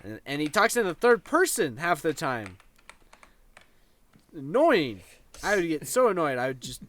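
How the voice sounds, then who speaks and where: A man's voice: on the high side, very animated, a little slow, fairly bright tone. Playful rambling male podcast co-host. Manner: rambling, playful, gestures while talking. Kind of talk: casual chat.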